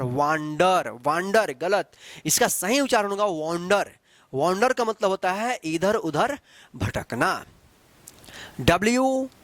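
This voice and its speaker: High-voiced man teaching English pronunciation. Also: fairly bright tone, no echo. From Bihar, India. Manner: repetitive, asks questions and answers them himself; spells words letter by letter slowly. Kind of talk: classroom-style spelling and pronunciation lesson.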